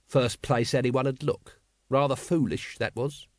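A man's voice: medium pitch, steady tone, unhurried, dry recording, studio quality, lightly acted. Vimes, a man as a weary sardonic captain.

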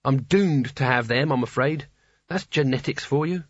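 A man's voice: medium pitch, normal speed, dry recording, muffled recording, lightly acted. A man voicing a cautious young woman adventurer who speaks in a dry, resigned way. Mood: wry.

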